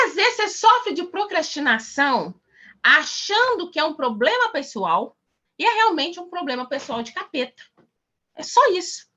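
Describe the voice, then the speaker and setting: A woman's voice: high voice, sharp tone, dull audio. A Brazilian woman mentoring an online class, preaching emphatically with rhetorical questions over a video call.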